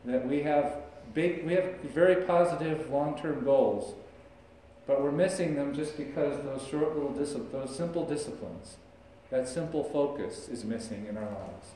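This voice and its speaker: A middle-aged pastor preaches at a moderate pace in a warm, medium-pitched voice, talking conversationally and gesturing. The audio, recorded far from any mic by a distant camera in a large sanctuary, is echoey with a slight hiss or hum.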